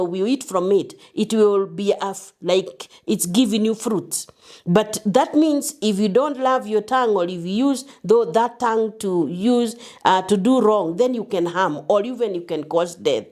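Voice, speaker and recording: A woman's voice: medium pitch, darkish tone. A woman counselor giving an earnest, reflective talk on abuse, telling personal stories and quoting scripture. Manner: earnest, anecdotal, quotes scripture. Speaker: counselor and speaker.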